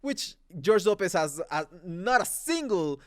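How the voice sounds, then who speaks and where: A man's voice: high voice, very animated, a little slow, dry recording, studio quality. A man from Mexico with a Mexican accent, hosting an exasperated comedic movie rant with laughter. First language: Spanish. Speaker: comedy commentary host.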